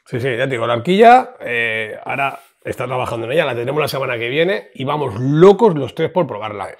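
A man co-hosting a casual chat about motorcycles, animated and prone to repeating words. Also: medium pitch, a little fast. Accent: Spanish. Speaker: motorcycle shop co-host.

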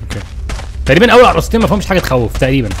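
A man with an Egyptian Arabic accent, streaming live and commenting on a horror game he plays, excitable and jumpy, yelping when startled. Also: on the high side, rapid-fire, a little hiss or hum.

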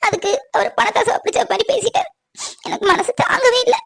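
A woman voicing a gentle, dutiful young woman in a cartoon who talks in a sorrowful, pleading way, often near tears. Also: very high-pitched, steady tone, quick pace, dry recording. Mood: tearful. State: crying. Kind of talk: cartoon voice acting.

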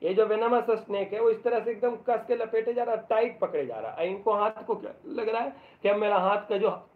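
High-voiced joking teacher on tinny audio. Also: male voice. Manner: playful and joking, reads the English text aloud very slowly. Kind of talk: live online English lesson taught in Hindi.

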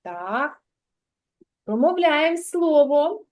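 A woman preschool teacher with a Ukrainian accent giving a slow, patient literacy lesson, sounding out words for a child. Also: high-pitched, sing-song.

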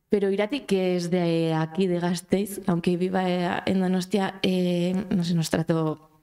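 A Basque woman in her thirties, whose first language is Basque, stands in the audience at a cultural centre's conference room and shares an emotional personal story through a handheld mic. Her mellow voice sits on the low side, and she speaks haltingly with many pauses and a Basque accent.

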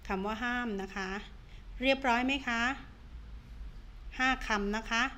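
A woman teacher leads an online reading lesson in a slow, sing-song voice, stretching each word for young pupils to repeat. Her voice sits fairly high, and faint noise hums underneath the recording. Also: bright, forceful tone. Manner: slow, drawn-out, sing-song drilling of words. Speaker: primary school teacher.

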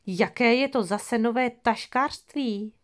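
A woman's voice: fairly high pitch, pitched above the performer's own voice, lightly acted. A woman doing a sly grumbling vixen. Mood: indignant. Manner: grumbling under her breath, indignant. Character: sly cunning female fox, greedy and boastful. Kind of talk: audio fairy tale reading.

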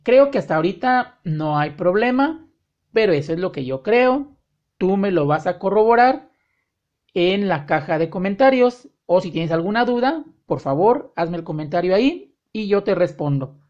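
A woman teaching an online language lesson, speaking directly to the learner and drawing out her example sentences slowly. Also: medium pitch, lively intonation, darkish tone, muffled recording. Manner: slow, drawn-out example sentences, friendly direct address. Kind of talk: online lesson explaining grammar.

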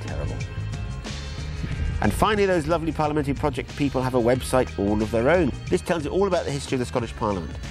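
Middle-aged male presenter, medium pitch, dry jokey delivery, music bed underneath. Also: expressive, fast. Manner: wry, jokey asides. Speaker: documentary presenter. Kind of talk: presenting a TV documentary. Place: outdoors by a brick building, sitting with a laptop.

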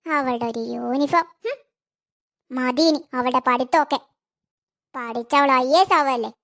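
Spiteful sneering stepmom voiced by a woman, cartoon villain, really high pitched. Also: measured pace, a bit bright. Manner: sneering, mocking.

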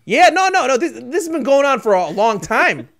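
A man co-hosting a casual podcast, rambling through animated rants with sudden louder outbursts and frequent laughter. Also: extremely high pitch, normal speed. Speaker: podcast co-host. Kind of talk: casual chat.

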